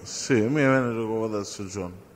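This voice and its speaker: A man's voice: fairly low pitch, normal speed, slight background noise. A man testifying in a courtroom, giving short, terse answers under questioning. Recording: echoey courtroom with long reverb.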